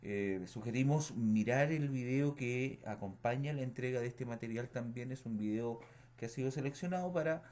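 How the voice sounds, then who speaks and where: A man teaching a remote lesson, speaking slowly and patiently, repeating words and checking understanding with short questions, with keyboard typing behind him. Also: mid-range voice, a little mellow. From Chile. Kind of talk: recorded remote lesson feedback.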